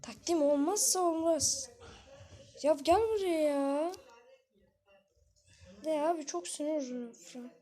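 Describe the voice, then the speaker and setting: A woman with a notably high voice commentates her match live, chatty and excitable. She coaxes the game characters and snaps with rough outbursts when things go wrong. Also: a little slow, pauses often. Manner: frustrated outbursts with swearing. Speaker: gaming channel host.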